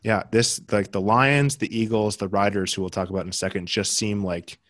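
Low-voiced American man in casual chat. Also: brisk, no echo, studio quality. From United States. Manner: relaxed, chatty, many fillers and restarts. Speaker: podcast co-host.

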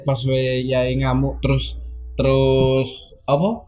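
A man's voice: mid-range voice, monotone, slow pace, darkish tone, faint music behind. A young man hosting a casual chat, asking questions and talking reflectively. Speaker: host.

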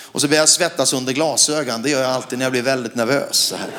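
A middle-aged Swedish man preaching a sermon, telling a personal story with animated delivery, rising to loud shouts and asking the crowd questions. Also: mid-range voice, a little hiss or hum.

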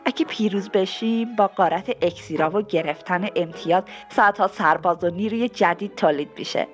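A woman's voice: medium pitch, soft background music, natural voice. A woman voicing a cheerful, unbothered female skeleton in a storybook audio drama. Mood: carefree. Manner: breezy, unbothered.

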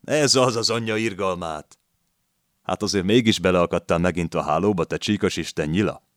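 A man voicing a gruff, brusque police detective in a read-aloud novel, rough and barking. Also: low-pitched, sing-song, no echo, clean studio sound.

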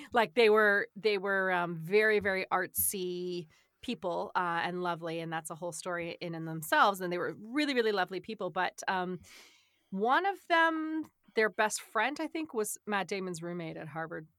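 A woman's voice: on the low side, normal speed, a bit bright, no room sound, clean studio sound. Chatty woman reading trivia aloud. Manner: chatty, laughs often, reads aloud then riffs. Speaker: podcast co-host. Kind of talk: casual chat, reading trivia.

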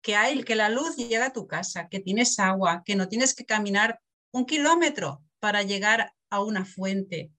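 A middle-aged author from Barcelona, Spain, tells stories in a relaxed interview, laughing often. Her voice is mid-range and her pace moderate, and she animatedly acts out the quotes in her tales.

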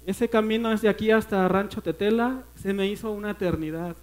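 A man with a Mexican accent preaching a personal testimony at a church service, earnest and emotional, often dropping to a hush. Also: high-pitched, fairly quick, low-quality recording. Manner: earnest, emotional storytelling that often sinks to a hushed voice.

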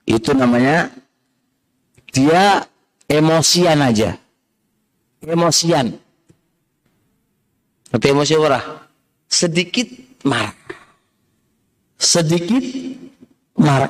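A middle-aged man with an East Javanese accent teaches a religious study class, his voice sitting somewhat high for a man. He slips Javanese phrases into his talk and speaks straight to his listeners, chiding them now and then. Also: big pitch swings, measured pace, long pauses. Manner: mixes Javanese phrases into Indonesian, scolds and addresses listeners directly.

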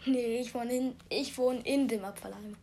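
A woman's voice: on the high side, steady tone, measured pace, a little mellow, a little hiss or hum. A teenage girl co-hosting a homemade podcast, chatty and giggly in casual talk. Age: teens. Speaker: podcast co-host. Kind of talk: casual chat.

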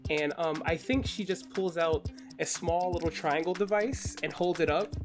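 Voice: mid-range voice, moderate pace, music in the background. Casual, swearing tabletop game player. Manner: casual, swears, acts out their character's lines.

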